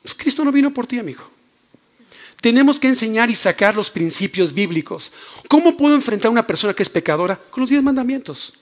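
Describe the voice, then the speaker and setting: High-voiced, animated preacher. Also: male voice, a little fast. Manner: emotional, animated, jokes with the congregation. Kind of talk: lively sermon. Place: church hall.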